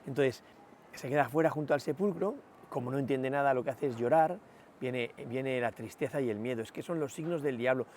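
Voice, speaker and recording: Reflective priest. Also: male voice, medium pitch, fairly quick, a little mellow, slight background noise. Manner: reflective, many rhetorical "¿no?" asides and hesitations. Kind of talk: spoken meditation, sermon.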